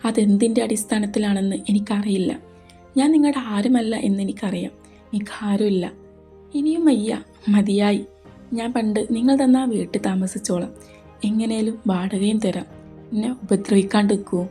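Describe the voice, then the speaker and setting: A heartbroken young woman pours out tearful, pleading questions in a romantic audio story, voiced by a woman. The voice sits dark and mellow, with faint music underneath. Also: medium pitch, normal speed, close to an everyday voice.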